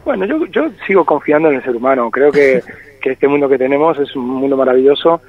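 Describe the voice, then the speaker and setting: A man's mid-range voice comes across animated and a little fast on a dry, tinny phone recording. He's a Spanish-born singer-songwriter in his forties with a hint of Argentine flavor in his Spanish accent, speaking reflectively and hesitating many times throughout the interview.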